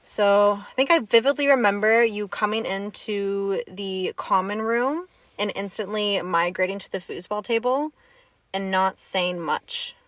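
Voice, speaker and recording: A woman's voice: mid-range voice, unhurried, a bit bright, no room sound. A woman in her twenties from Toronto, a podcast guest chatting casually with dry, teasing jokes. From Toronto, Canada. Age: 20s. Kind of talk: casual chat.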